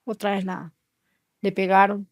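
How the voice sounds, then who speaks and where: A woman in her thirties from Colombia, giving emotional personal testimony in an interview, slow and halting with soft trailing lines. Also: mid-range voice, monotone, no room sound, dull audio. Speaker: interview guest.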